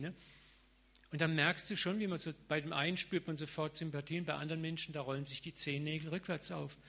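A man's voice: fairly high pitch, sharp tone. A middle-aged man giving an informal, colloquial sermon to a congregation, mixing in slang and everyday examples. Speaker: preacher.

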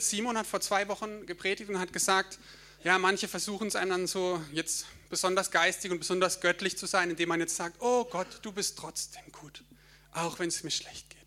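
A young man tells his testimony to a church audience. His voice sits high and sounds bright and forward. He tells the story vividly, laughs at himself and sometimes sings short bits of hymns. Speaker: church speaker sharing a testimony. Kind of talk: personal testimony in a church talk.

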